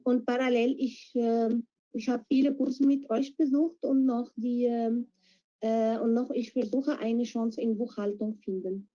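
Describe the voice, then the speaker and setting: Over a dull, lo-fi video call, a project participant whose first language is Arabic answers interview questions in learner German. Her fairly high yet very mellow, dark voice stays steady as she hunts for words and fills pauses with hesitations.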